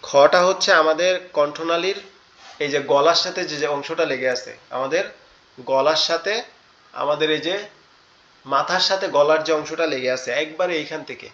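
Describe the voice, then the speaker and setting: Bright-voiced man teaching letter sounds. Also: fairly high pitch, dull audio. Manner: patient, repeats each letter sound slowly. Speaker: Quran tajweed teacher. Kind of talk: online class instruction. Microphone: online class audio.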